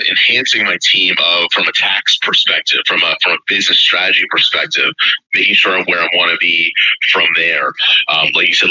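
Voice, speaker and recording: A man's voice: low-pitched, sharp tone, lo-fi sound, slight background noise. A man from upstate New York with a head cold and a nasal voice, talking casually as a podcast guest with lots of fillers. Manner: many fillers, hesitant. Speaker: podcast guest, part-time real estate investor.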